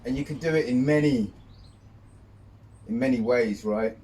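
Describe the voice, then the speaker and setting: A man speaking reflectively to camera while sitting in ice cold water outdoors, in a measured way with pauses. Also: mid-range voice, dark tone. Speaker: vlogger. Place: outdoors, birdsong behind. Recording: distant mic, faint outdoor noise.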